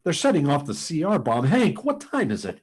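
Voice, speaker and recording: An actor playing a frantic, halting test pilot pleading to warn of doom in a sci-fi radio drama. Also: male voice, fairly high pitch, wildly swooping pitch, breathy edge, heavily acted. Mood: desperate pleading. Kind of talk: live performance of 1950s sci-fi radio drama.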